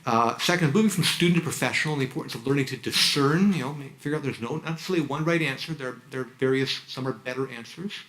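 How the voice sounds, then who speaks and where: A man's voice: medium pitch, quick pace, hardly any pauses, a bit bright, poor audio. A man giving a frank advice speech to new graduate students at an orientation, often repeating and restarting his words. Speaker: university orientation speaker. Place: university orientation hall.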